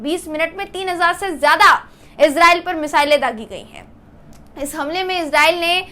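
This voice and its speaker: A woman's voice: sits high, bright, forceful tone. A woman news anchor presenting a news report, speaking earnestly to viewers and often calling them friends. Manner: addresses viewers as friends, earnest explanatory delivery. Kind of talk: Hindi news presentation to camera.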